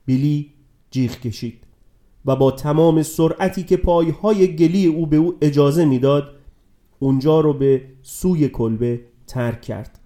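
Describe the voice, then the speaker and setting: A man narrating a story aloud in a calm, measured way. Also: on the high side. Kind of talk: audiobook narration.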